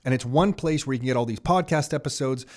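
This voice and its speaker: A man's voice: medium pitch, fast talker. A man hosting a podcast in a chatty way, repeating key points as he talks. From Canada. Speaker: podcast host. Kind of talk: casual podcast talk.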